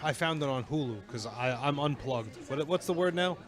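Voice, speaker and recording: A man's voice: fairly high pitch, lively intonation, a little fast. A man co-hosting a casual podcast, asking questions and making sarcastic jokes. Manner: wisecracking, sarcastic. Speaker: podcast co-host. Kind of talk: casual chat.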